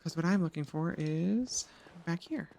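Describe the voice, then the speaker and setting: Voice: mid-range voice, lively intonation, a little slow, vocal fry, dark tone. Chatty streamer talking to the chat. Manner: chatty, joking, swears, addresses the chat. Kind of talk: casual gameplay commentary.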